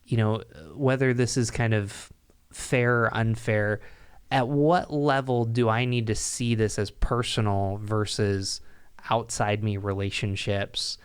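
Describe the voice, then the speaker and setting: A man hosting a podcast, chatting quickly and joking with his guest. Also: lowish voice, fairly even intonation, clear, resonant tone. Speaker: podcast host. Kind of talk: casual podcast interview.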